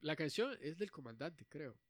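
A young man co-hosting a casual chat, animated and quick to laugh, often acting out the lines he talks about. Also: fairly high pitch, dry recording, clean studio sound. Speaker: podcast co-host.

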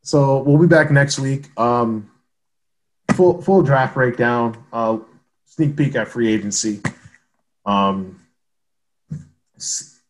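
A man's voice: medium pitch, slow, long pauses. A man co-hosting a sports podcast in casual chat, rambling with frequent restarts and laughs. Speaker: podcast co-host.

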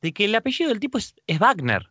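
Lively Argentine radio co-host. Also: male voice, sits high, fast, husky, no echo. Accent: Argentine Spanish. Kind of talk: casual sports radio talk. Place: radio studio.

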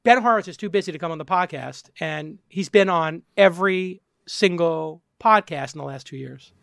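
A man hosting a podcast in casual, rambling conversation, animated and swearing casually. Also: fairly high pitch, normal speed, gravelly, dry recording, studio quality. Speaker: podcast host.

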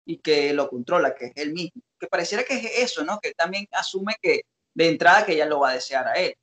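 Guy with a kinda high voice, thinking out loud, lots of ehs and pauses. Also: animated. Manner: reflective, hesitant with many fillers. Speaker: co-host analyzing song lyrics. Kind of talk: casual analytical discussion.

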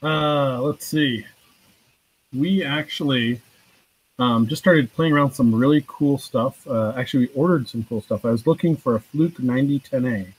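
A man's voice: medium pitch, moderate pace, slightly rough. A man chatting as guest host on a remote podcast call, turned away from his computer mic so he sounds faint and muffled, as if talking through a tube. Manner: relaxed, hesitant, with fillers. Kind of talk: casual podcast chat.

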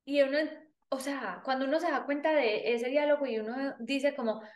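High-voiced woman hosting, echoey. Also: fairly even intonation, normal speed. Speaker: host. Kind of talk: casual conversational interview. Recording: echoey room.

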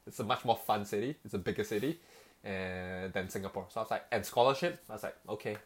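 A young Malaysian man chats casually about his choices, rambling with lots of fillers and restarts. His voice is fairly low and fast.

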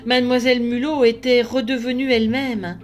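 A woman, a librarian, reading a children's storybook aloud with measured, expressive narration. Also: on the high side, faint music behind.

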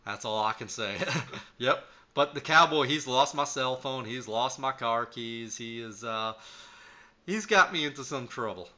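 A man with a very bright, ringing voice chats casually as a podcast host. He is playful and self-mocking, spinning comic stories about himself. His pitch sits in an ordinary middle range. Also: measured pace. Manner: playful, self-mocking storyteller who shouts catchphrases. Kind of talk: casual chat.

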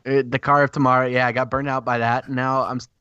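A man's voice: medium pitch, little pitch movement, quick pace, bright, forceful tone, clean tone, dry recording, muffled recording. A man filling in as co-host, rambling and self-deprecating in casual sports chat. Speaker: fill-in co-host.

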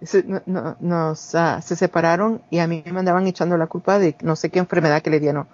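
A man's voice: a little high, fairly even intonation, a little fast. Man, forties, Guatemalan accent, rambling casual storyteller, dull lo-fi sound. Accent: Guatemalan Spanish. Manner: rambling, with many restarts and acted-out quotes. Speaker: guest. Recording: dull lo-fi recording.

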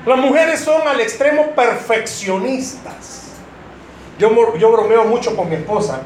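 A man preaches to couples in a bright, high voice, teasing the congregation and drawing laughs. His voice rings around a roomy church hall over a faint hiss. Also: lively intonation, unhurried. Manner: joking, addresses the congregation directly. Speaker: pastor. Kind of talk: sermon to married couples.

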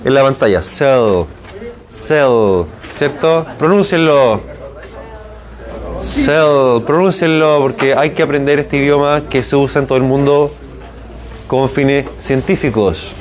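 A man's voice: medium pitch, unhurried. A man with a Chilean accent teaching a hybrid university class, drilling pronunciation by repeating words and often asking for agreement. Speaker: university lecturer.

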